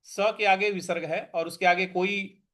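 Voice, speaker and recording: A man teaching pronunciation of a Sanskrit verse. He chants each word slowly and then explains the rules quickly. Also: high voice, steady tone, a bit bright. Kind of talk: slow recitation lesson with pronunciation drills.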